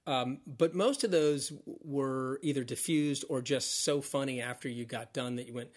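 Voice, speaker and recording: Middle aged guy on a podcast, laughs a lot, gets animated telling old stories. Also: medium pitch, moderate pace. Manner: animated storyteller, laughs often, restarts words. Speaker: podcast guest, former team mascot performer. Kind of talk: casual interview chat.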